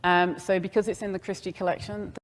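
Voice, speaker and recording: A woman's voice: mid-range voice, little pitch movement, a little fast. A woman speaking in a documentary interview, explaining things hesitantly and starting phrases with fillers.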